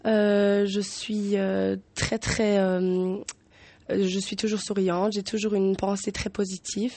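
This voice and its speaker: A German-speaking Belgian woman in her twenties, a pageant candidate with German as her first language, answers interview questions in a studio. Her speech is hesitant, full of restarts and fillers. The voice is medium-pitched, level and warm, slow-paced, in a dry recording.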